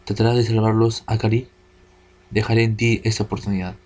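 A man's voice: lowish voice, little pitch movement, a little fast, darkish tone, natural voice. A man reading as a solemn spirit guardian.

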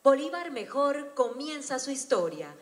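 A woman's voice: sits high, very animated, a little slow, big-room sound. A woman acting as announcer, declaiming formal thanks at a ceremony. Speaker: event announcer.

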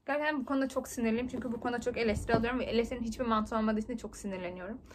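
Fast-talking chatty young woman. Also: on the high side, steady tone, slight background noise. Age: 20s. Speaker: book vlogger. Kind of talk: casual unboxing chat.

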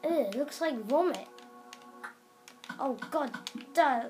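A child makes a game video in a living room, filming the TV screen while improvising role-play commentary in a hesitant, coaxing way. The voice sits high, is expressive and unhurried, with soft music in the background.

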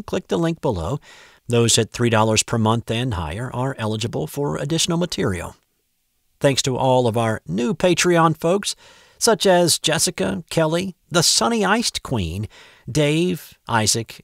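A man hosting and narrating a submitted story in a measured, expressive read. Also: a little high, vocal fry, no echo, clean studio sound. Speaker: host and narrator. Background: faint background music.

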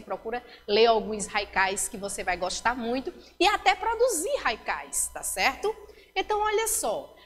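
A high-pitched woman with a Brazilian Portuguese accent teaches a recorded lesson, patient and explanatory, tagging nearly every point with a quick check-in question. Her voice carries a long, roomy reverb. A faint hiss sits underneath. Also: fairly bright tone.

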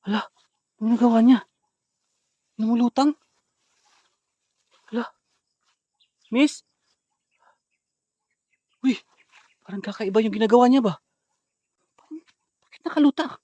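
High-voiced Filipino ghost-hunting vlogger, dry sound. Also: male voice, moderate pace, pauses often, dry recording, highs cut off. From Philippines. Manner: hushed asides to viewers, then loud calls and chanted prayers. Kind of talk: paranormal investigation vlog.

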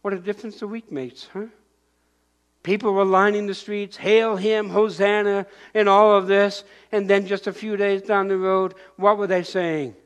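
With a smooth voice that sits high, an older pastor preaches at a moderate pace in a church sanctuary. He moves about animatedly, pointing and raising his voice in bursts to shout acted-out crowd voices.

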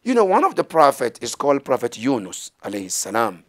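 A middle-aged man with a medium-pitched voice that swoops wildly tells a religious story at a brisk clip, teaching as he gestures and acts out the voices of its characters. He's recorded on a lapel mic in a small indoor studio set hung with banners.

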